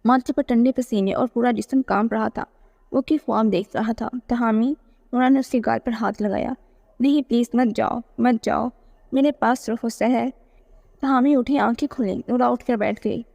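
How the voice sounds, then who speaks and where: A woman reading a romance novel aloud, episode by episode, in a calm, steady way. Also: on the high side, normal speed, gravelly, muffled recording. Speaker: storyteller.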